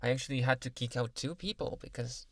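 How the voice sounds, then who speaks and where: Here a man portrays a clingy, adoring young yandere rideshare driver for intimate ASMR, coaxing and smug, his speech halting and punctuated by gentle whispers. The performance is lightly acted, his medium pitch stays steady, and there's no room sound.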